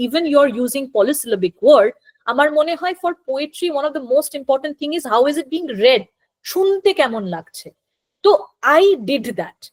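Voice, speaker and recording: A woman with a Bengali accent giving an academic talk, switching between Bengali and English, pausing often to think and restart. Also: high-pitched. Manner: thoughtful, often pauses with fillers and restarts. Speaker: guest lecturer on translation.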